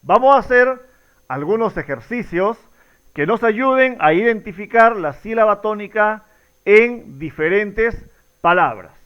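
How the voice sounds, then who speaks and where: Slow, animated man teaching a lesson. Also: high-pitched, clear, resonant tone, muffled recording. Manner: slow, drawn-out words with strong stress to show the stressed syllable; addresses students directly, repeating each question. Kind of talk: recorded classroom lesson.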